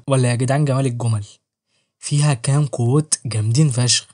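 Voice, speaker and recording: Egyptian male book vlogger, quick banter, mid-pitched, jokey and slangy. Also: darkish tone. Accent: Egyptian Arabic. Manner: joking, slangy, self-mocking. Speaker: book reviewer and channel host. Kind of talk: casual book review vlog.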